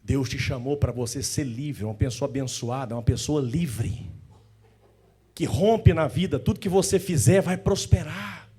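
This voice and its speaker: A man preaching a sermon as pastor in a church, animated, often acting out the voices of the people he describes. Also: mid-range voice, measured pace, slightly rough.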